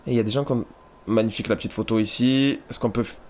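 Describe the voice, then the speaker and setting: A man's voice: mid-range voice, steady tone, fast, a little mellow. A man giving casual let's play commentary, chatting straight to his viewers.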